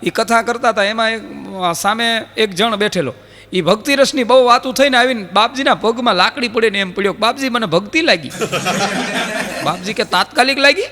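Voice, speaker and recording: High-voiced comic storyteller. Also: male voice, a little fast, big-room sound. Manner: lively storyteller who acts out other people's lines. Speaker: folk comedian. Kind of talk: live stand-up storytelling with jokes. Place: live stage show with audience laughter. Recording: loud background noise.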